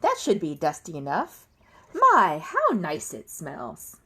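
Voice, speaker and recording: A woman's voice: low-pitched, huge pitch swings, slow, pushed and bright, breathy edge, exaggerated voice. A woman voicing a cheerful, literal-minded female housekeeper who exclaims and talks to herself in a folksy way, as in a storybook. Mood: pleased, eager.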